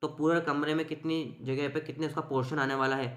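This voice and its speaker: A man's voice: on the high side, little pitch movement, fairly quick, fairly bright tone, roomy sound. A man teaching an exam-focused chemistry lesson, explaining with everyday examples and mixing English terms.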